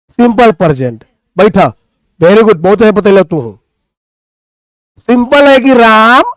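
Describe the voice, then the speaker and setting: In this classroom session full of poetry and banter, a Bhojpuri-accented man teaches English grammar, joking with students and reciting lines of verse. His voice sits high and sounds a bit bright, with no echo.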